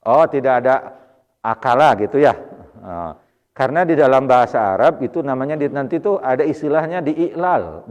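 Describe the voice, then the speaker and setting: A slightly high, somewhat mellow male voice with a Sundanese accent guides a mosque study circle through Arabic grammar. He is patient, repeating Arabic words with stress as he explains. The dull, lo-fi audio carries the reverb of the mosque hall.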